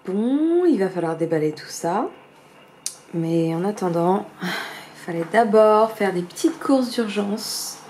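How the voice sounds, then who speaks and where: Young woman vlogging at home, chatty, lots of "euh", echoey room, soft hum behind. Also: mid-range voice, lively intonation, a little slow. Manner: chatty, listing items with many fillers. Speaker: fitness vlogger. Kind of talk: casual vlog chat. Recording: roomy echo, faint background ambience.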